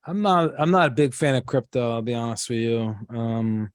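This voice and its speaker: A man's voice: mid-range voice, animated, moderate pace, clear, resonant tone, no room sound. A middle-aged man with a Queens accent giving casual, blunt market commentary in a conversational way, leaning on "like" and "you know". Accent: Queens, New York. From Queens, New York. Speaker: guest investment strategist.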